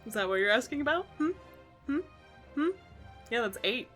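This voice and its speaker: A woman playing a tabletop game, chatting casually in an expressive, joking way with some swearing. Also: fairly high pitch, moderate pace. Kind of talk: casual chat, playful role-playing. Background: faint music.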